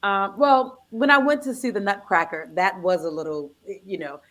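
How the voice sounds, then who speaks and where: An American woman hosts a podcast interview. She talks in a chatty, enthusiastic way and asks her questions with eager energy. Her voice sits at a typical middle pitch. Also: animated, normal speed, fairly bright tone. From United States. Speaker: podcast host.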